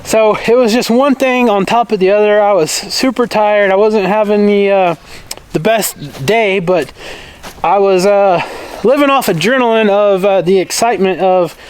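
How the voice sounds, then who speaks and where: High-voiced Southern man, folksy farm vlogger. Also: moderate pace, clean tone. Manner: folksy, plain-spoken. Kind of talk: casual vlog chat. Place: outdoors on a farm.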